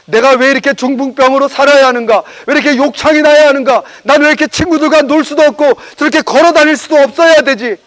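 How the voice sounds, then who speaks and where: A desperate paralyzed man, as a preacher plays him, pleading with urgent, begging insistence. His voice sits very high and lifts higher still as he pushes his plea. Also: quick pace, hardly any pauses, a bit bright. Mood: anguished.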